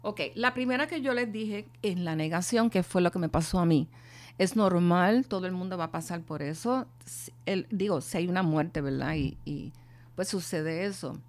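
A middle-aged woman speaking earnestly and from the heart, telling her own story of grief with pauses and restarts. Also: fairly low pitch. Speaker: bereaved mother sharing her testimony. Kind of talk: personal testimony and talk on grief.

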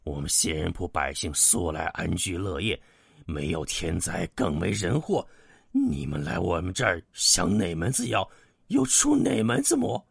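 A man voicing a haughty, scornful old village elder who speaks slowly and drags his words. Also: deep voice, sing-song, gravelly, breathy edge, no echo, studio quality, heavily acted. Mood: angry. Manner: slow, drawn-out sneering speech.

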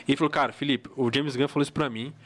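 A man hosting a casual podcast talks fast and eagerly, retelling anecdotes at a quick clip. His voice sits at a middle pitch. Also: fairly even intonation. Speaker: podcast host.

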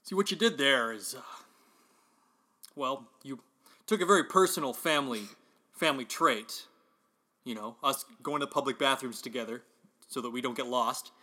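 A man's voice: mid-range voice, normal speed, long pauses, sharp tone. A man playing a dad who can't stop telling corny jokes, rambling with fillers. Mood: playful. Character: corny joke-telling dad, self-styled family clown.

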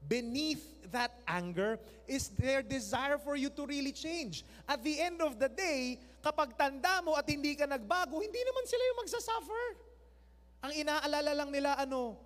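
A man's voice: very high voice, expressive, normal speed, fairly bright tone. A Filipino man in his thirties preaching a sermon, joking and acting out the voices of family members as he talks. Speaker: pastor. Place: large church hall. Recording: long hall reverb.

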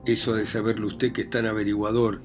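A man reading aloud voices a defiant, grieving young country widow who answers with sharp, indignant retorts. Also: on the low side, flat delivery, quick pace, faint music behind, lightly acted.

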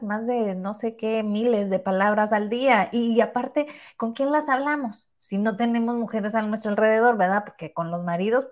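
A woman with a slightly high voice chats in a lively, conversational way. She often checks in with her listener through short tag questions. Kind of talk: casual conversation.

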